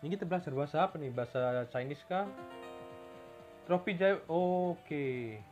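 Male let's-play host from Indonesia, fairly high voice, playful engine-noise commentary. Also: normal speed, darkish tone, faint music behind. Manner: playful, makes engine noises and mixes in English words. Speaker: gamer.

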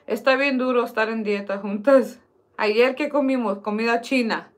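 Young woman vlogger, somewhat high voice, jokey and bilingual. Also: steady tone, normal speed. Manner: joking, switches between Spanish and English. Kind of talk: casual chat.

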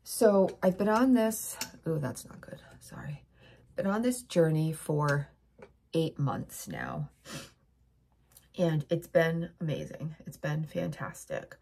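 A woman's voice: low-pitched, very animated, slow, gravelly, mellow, husky. A woman hosting her own vlog, chatting casually to her viewers with a stuffy, sniffly nose, upbeat and rambling. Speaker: vlog host. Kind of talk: casual chat to camera.

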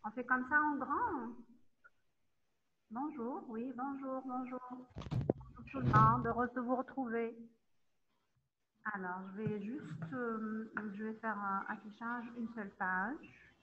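A woman lecturer teaching an online class, talking haltingly with many fillers and checking in often with her students. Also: on the high side, noisy background. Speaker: university lecturer. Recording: tinny phone-like line.

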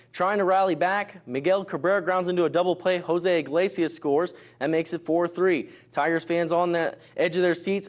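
Male sports news reporter and anchor, voice a little high, scripted TV highlight delivery.

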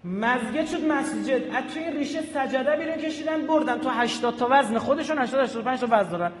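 A man giving an animated public lecture, often checking with his audience through quick rhetorical questions. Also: very high-pitched. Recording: echoey hall with long reverb.

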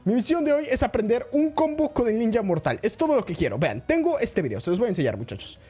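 Male gaming streamer, excitable and chatty, with a very animated, swinging pitch over faint background music. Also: fast talker, breathy edge. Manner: excitable, chatty, greets the chat often. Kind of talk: live-streamed gameplay commentary.

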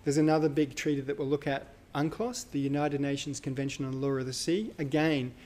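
A man's voice: on the high side, flat delivery, brisk, a little mellow. A man giving a live university lecture, talking casually with fillers and self-corrections. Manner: conversational, thinks aloud with fillers and self-corrections.

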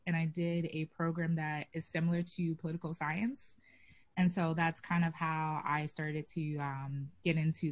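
A woman's voice: deep voice, dry recording. A young woman from Boston, a guest on a video call interview, talking casually with lots of "um" and "like". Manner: chatty, many fillers like "um" and "like". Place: small room at home. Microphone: video call webcam.

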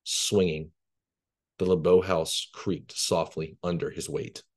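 A Louisiana man in his thirties, appearing as a guest author, reads his horror fiction in a low, measured, even voice. He then takes questions casually over a video call from his bedroom at home, picked up by the laptop camera's mic.

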